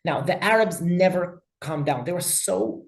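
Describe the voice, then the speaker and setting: A man's voice: high-pitched, lively intonation, normal speed, gravelly. Emphatic male rabbi teaching in an echoey room. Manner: emphatic, with frequent word repetitions. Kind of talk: class lecture with discussion.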